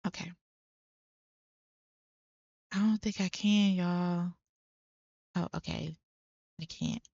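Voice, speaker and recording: A young woman chatting through her gameplay, exclaiming often to her viewers. She speaks at an unhurried pace in a mid-range voice. The recording is dry with a slightly dull, muffled tone. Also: on the low side, steady tone, vocal fry, mellow, no echo. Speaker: let's play creator. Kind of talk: casual gameplay commentary.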